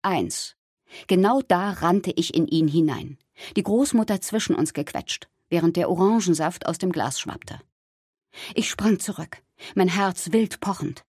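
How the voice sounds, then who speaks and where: A woman with a husky voice reading a first-person story aloud in a lively way. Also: fairly low pitch, a little slow, dry recording, studio quality. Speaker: narrator. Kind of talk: audiobook narration.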